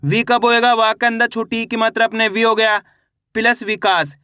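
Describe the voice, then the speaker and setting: A man teaching children to read, sounding out each syllable slowly and quizzing the viewer with questions he answers himself. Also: extremely high pitch, steady tone, sharp tone, clear, resonant tone, no echo, studio quality. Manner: repeats rhetorical quiz questions to the viewer. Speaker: Hindi reading teacher. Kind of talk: children's reading lesson.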